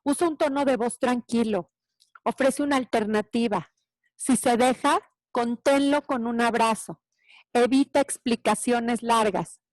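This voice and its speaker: Woman, parenting teacher, high-pitched, animated, dry close sound. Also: a little slow, no echo. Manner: animated, acts out child voices. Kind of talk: parenting talk.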